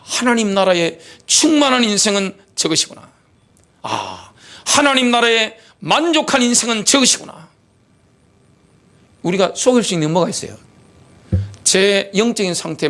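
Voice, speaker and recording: Animated, lively-voiced male pastor preaching. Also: high-pitched, creaky. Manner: animated preaching with rhetorical questions. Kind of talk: sermon. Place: church sanctuary.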